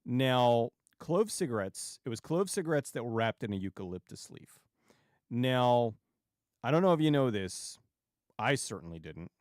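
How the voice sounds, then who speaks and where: A man hosting a livestream and chatting casually with viewers in a rambling, halting way, often restarting sentences and digressing. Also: mid-range voice, very animated, a little mellow, no echo, clean studio sound. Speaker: YouTube livestream host.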